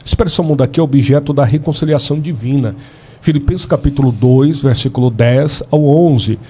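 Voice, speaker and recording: A Brazilian man, a pastor, laying out his side of a theological debate in a measured, explanatory way and quoting scripture. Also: mid-range voice, mellow, breathy edge. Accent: Brazilian Portuguese.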